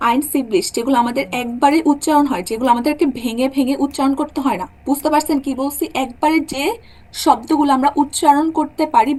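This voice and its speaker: High-voiced woman teaching grammar. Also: steady tone, fast, mellow. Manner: explains step by step, keeps checking students follow. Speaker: German language teacher. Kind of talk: online class lecture.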